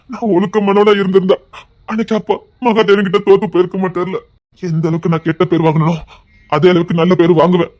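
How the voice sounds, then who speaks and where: An actor playing a remorseful young son who makes earnest, emphatic vows, with a fairly high voice. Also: male voice, a little mellow, lo-fi sound, lightly acted. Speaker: actor in a television serial. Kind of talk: television drama acting.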